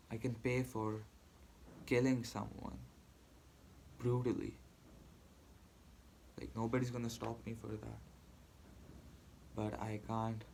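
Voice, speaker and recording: A man delivering a heated, profane personal rant, halting and restarting as he argues. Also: on the low side, creaky, darkish tone, slight background noise, poor audio. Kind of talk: angry personal rant to camera.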